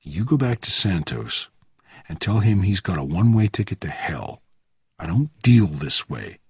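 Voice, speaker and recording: A man's voice: low-pitched, very animated, moderate pace, slightly rough, no room sound, studio quality, exaggerated voice. A man voicing a hard, wary, blunt operative in a spy thriller audiobook. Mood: threatening. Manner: terse, blunt. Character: hard, terse, wary male operative on the run.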